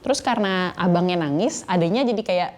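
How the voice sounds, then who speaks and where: Earnest woman with a mellow voice. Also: lowish voice, fairly quick. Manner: earnest storytelling, slips into English phrases. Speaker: guest sharing a faith testimony. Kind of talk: conversational interview testimony.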